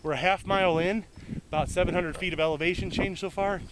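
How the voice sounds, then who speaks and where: A man's voice: high-pitched, steady tone, quick pace. A man hosting a hiking vlog, describing the trail in an easygoing, upbeat way as he walks outdoors. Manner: easygoing, chatty, upbeat about the scenery. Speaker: vlog host. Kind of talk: casual hiking vlog narration. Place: outdoors on a desert mountain trail. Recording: outdoor noise on a camera mic.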